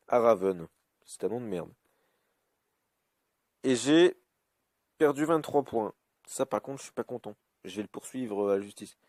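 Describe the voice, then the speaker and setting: A man giving live commentary over his own game, cursing often and swinging between high yelps and low grumbling. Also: dry recording, studio quality. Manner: swears freely, swings from yelps to grumbling mutters. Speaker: YouTube gamer.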